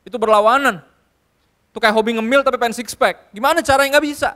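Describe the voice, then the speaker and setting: High-voiced preacher man. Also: fast talker. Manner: lively, switching into English, joking with the crowd. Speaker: youth pastor. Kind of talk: sermon. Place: church hall with a live audience.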